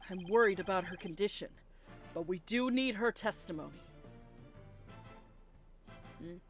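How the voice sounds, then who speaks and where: A woman voices the characters in a video game she's playing, hamming up their lines theatrically and playfully. Her mid-range voice is expressive and unhurried, set against the game's music.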